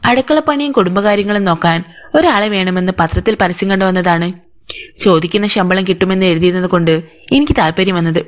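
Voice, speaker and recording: A woman's voice: mid-range voice, fast, close to an everyday voice. A woman voicing an older housemaid who gives anxious, defensive answers to police. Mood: pleading. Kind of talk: audiobook character voice.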